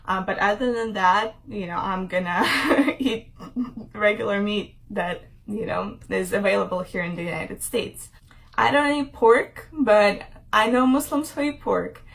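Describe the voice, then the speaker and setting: A woman's voice: mid-range voice, fairly even intonation, unhurried, creaky. A young woman from Ukraine talking casually to her channel in a rambling vlog, with frequent fillers and laughter. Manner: chatty, rambling, laughs often, many fillers. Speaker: vlogger.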